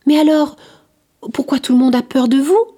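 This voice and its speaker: A woman's voice: sits high, moderate pace, dark tone, voice pushed up, close to an everyday voice. A woman voicing a curious, innocent young boy in a storybook reading, asking eager questions. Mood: wondering.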